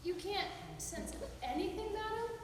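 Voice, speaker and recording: Heard from a distance in a noisy, echoey hall, an amateur actress portrays a haunted, anxious young woman, moving from earnest nervousness to defiance. Her pitch is extremely high, but she takes her time.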